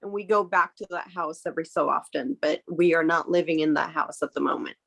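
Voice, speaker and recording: Woman from the audience, gravelly creaky voice, quiet short replies. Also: low-pitched, steady tone, fairly quick. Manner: brief, quiet answers. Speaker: audience member.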